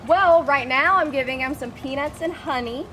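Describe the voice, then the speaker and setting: With a high voice and sharp tone at normal speed, an enthusiastic, cheery zookeeper talks casually to visitors. She is outdoors at an animal habitat, and outdoor ambient noise comes through clearly.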